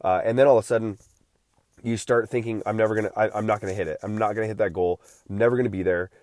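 A man in his late thirties talks alone into the mic in a loose, rambling way, circling back and restarting his sentences. His voice sits low, and the recording is dry with no room sound. He has been unwell lately but keeps talking. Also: steady tone, racing, darkish tone, dry recording. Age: 30s. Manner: rambling, with many restarts and filler words. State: recovering from feeling unwell. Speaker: podcast host. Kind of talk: casual solo podcast monologue.

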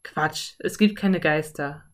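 A woman voicing a sensible boy, the older brother, speaking firmly and a little louder. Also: deep voice, slow pace, pitched below the performer's own voice. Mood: reassuring. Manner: firm, matter-of-fact, a bit louder.

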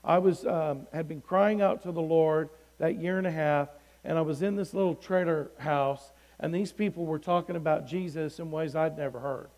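A man's voice: a little high, poor audio. A middle-aged man sharing his personal testimony in a church service, speaking earnestly and rising in volume when he reads scripture aloud. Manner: earnest, swells loudly when reading scripture. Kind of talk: testimony sermon.

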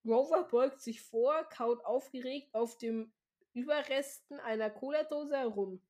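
A woman's voice: high voice, unhurried, a little mellow. A German-speaking woman reading a novel aloud casually, often stumbling and restarting words with chatty asides. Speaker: reader of a book aloud.

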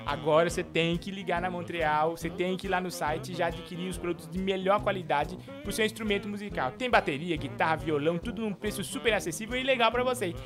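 A man's voice: high voice, fast, few pauses, over music. A man hosting a live comedy show, joking around and doing hyped-up ad reads. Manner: jokey, animated hype-man ad reads.

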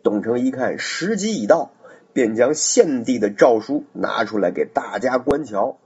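A man's voice: mid-range voice, expressive, unhurried, creaky, darkish tone, slightly rough. A man narrating a classic tale in a chatty, casual way, with asides to the listener. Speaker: storyteller. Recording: dull lo-fi recording.

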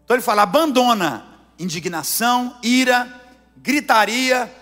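Brazilian male pastor, high voice, emphatic sermon delivery in a reverberant hall. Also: normal speed, soft background music. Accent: Brazilian Portuguese. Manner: emphatic preaching, swinging between hushed and near-shouted lines.

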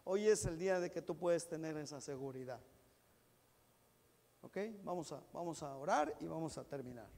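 A man's voice: a little high, moderate pace, creaky, darkish tone. A man preaching a sermon to his congregation, calling them brothers and pleading with fervor. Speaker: pastor. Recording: long hall reverb.

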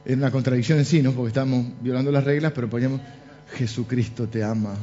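This is an animated church sermon full of funny anecdotes, told by a middle-aged man with a Rioplatense Spanish accent who keeps adding jokes and asides. He talks at a quick pace and medium pitch; the sound is dull lo-fi with faint music.

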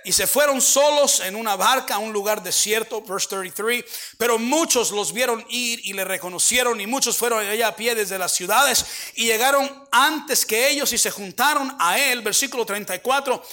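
A male pastor with a strikingly high, sharp and bright voice preaches in a church sanctuary. He moves between Spanish and English as he reads scripture, drops joking asides and fires questions at the congregation. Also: moderate pace. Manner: quizzes the congregation with call-and-response questions. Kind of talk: bilingual sermon.

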